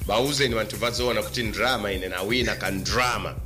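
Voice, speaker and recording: Zambian man co-hosting over clear music. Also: fairly low pitch, brisk. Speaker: radio promotion co-host. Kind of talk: casual phone-in chat, mixing languages. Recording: prominent music behind the voice. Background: music bed.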